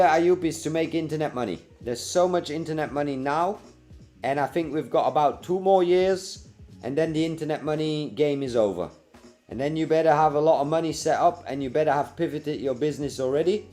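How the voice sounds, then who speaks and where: A young man with a fairly high, mellow voice hosts a live coding stream, reading viewer comments and answering people by name. He's easygoing and chatty yet animated and brisk, with faint music playing behind him.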